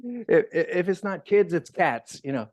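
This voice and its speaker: A man's voice: sits high, very animated, moderate pace, darkish tone. A man hosting a casual interview, rambling and restarting his sentences with lots of fillers. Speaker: interview host.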